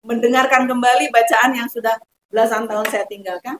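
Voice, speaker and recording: A woman's voice: a little high, fairly even intonation, a little fast, a bit bright, slight background noise. A middle-aged woman with a Sundanese accent, telling her personal story animatedly and acting out the voices of the people in it. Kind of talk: emotional personal testimony.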